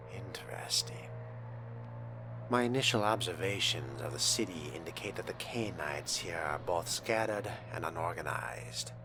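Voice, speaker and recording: Role-playing a vampire while narrating a game, a man speaks in a very low voice, very slowly and deliberately. His wording is formal and often hushed, like he's musing to himself, and music is clearly audible behind him.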